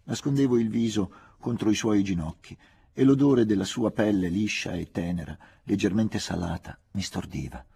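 A man reading a literary novel aloud in a measured, hushed, intimate way. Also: lowish voice, creaky, slightly rough. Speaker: audiobook reader. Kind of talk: literary audiobook narration.

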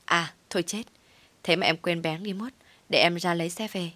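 A woman's voice: on the low side, steady tone, moderate pace, fairly bright tone, dry recording. Woman doing a bossy forgetful young wife. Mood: sheepish. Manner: scolding, nagging.

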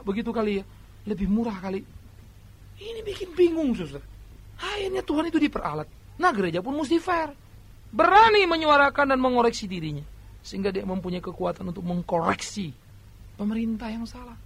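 A man preaching a sermon, swinging between loud exhortation and quieter asides as he addresses the congregation directly. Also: very high-pitched. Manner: addresses listeners as brothers and sisters.

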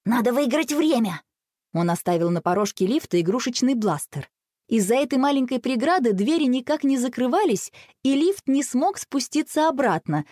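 A woman narrating a children's audiobook in an expressive storytelling manner. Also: fairly high pitch, dry recording, studio quality.

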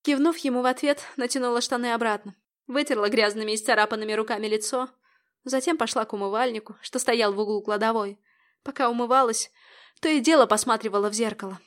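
A young woman with a somewhat high voice reads a first-person audiobook. Her telling is tense and dramatic. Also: fast talker. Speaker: audiobook narrator.

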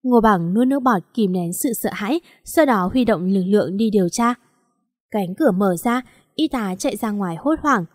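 A woman narrating a dramatic story with an expressive reading. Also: medium pitch, normal speed, no room sound, clean studio sound.

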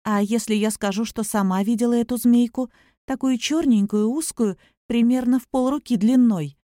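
A woman's voice: a little high, normal speed, dark tone, dry recording, studio quality, voice pushed up, natural voice. A woman voicing a curious, stubborn young heroine in an audiobook, asking insistent questions.

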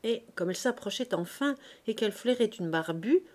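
A woman reading a classic novel aloud as an audiobook, in a measured, expressive way. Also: medium pitch. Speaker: audiobook reader.

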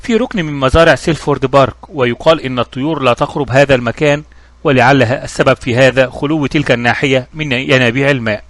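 A man voicing a composed, genteel middle-aged mother in a storybook reading, explaining things calmly. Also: medium pitch, fast talker, no echo, natural voice.

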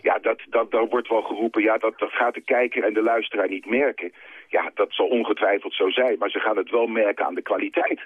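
A man's voice: lowish voice, fairly even intonation, brisk, breathy edge, dry recording. A man, a broadcaster's chairman, argues his case insistently as a guest in a live radio phone interview. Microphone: telephone. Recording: tinny dry phone line.

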